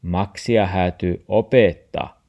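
A man doing a calm, stubborn old Tornedalian grandpa. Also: low voice, gravelly, lo-fi sound. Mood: coaxing. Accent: Tornedalian Meänkieli. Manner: calm, insistent coaxing. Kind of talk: storybook reading.

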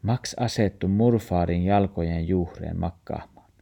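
A man reading a children's story aloud in a calm, even manner. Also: sits low, creaky. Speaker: narrator.

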